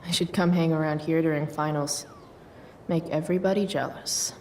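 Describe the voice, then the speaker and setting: A woman's voice: sits low, steady tone, moderate pace, a little mellow, a little hiss or hum, close to an everyday voice. An actress voicing a sarcastic, awkward, rebellious teenage girl in a video game, with hesitant, slangy, muttered delivery. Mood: wry, muttering.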